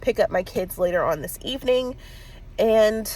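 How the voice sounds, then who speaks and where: In a rough recording made in a car, a woman in her thirties who's congested from a cold chats on her book vlog. Her mid-range voice is expressive and darkish, at a normal speed, and she rambles with many fillers and little laughs.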